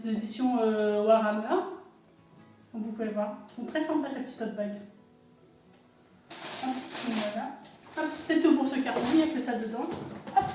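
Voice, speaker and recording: A woman with a fairly high, dark-toned voice unboxes products for her shop, talking casually but hesitantly, full of fillers and self-corrections. The room echoes and she sits far from the mic.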